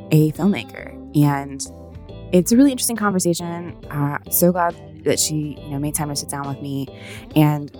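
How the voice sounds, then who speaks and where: A woman's voice: sits low, darkish tone. A woman hosting a podcast with a stuffy nose, chatting casually in a naturally sarcastic-sounding way and swearing freely. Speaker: podcast host.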